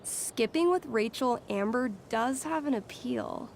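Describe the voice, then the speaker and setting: A woman's voice: fairly high pitch, a little slow, vocal fry, a little hiss or hum. A woman voicing a friendly, candid teenage girl student in a video game, chatty and conversational. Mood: wry, friendly.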